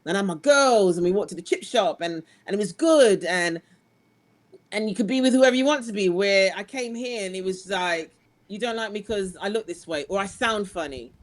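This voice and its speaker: A woman's voice: medium pitch, normal speed. Earnest London-accented woman telling her story. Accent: London English. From England. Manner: earnest, animated storytelling with restarts. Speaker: guest. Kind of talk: frank conversational interview.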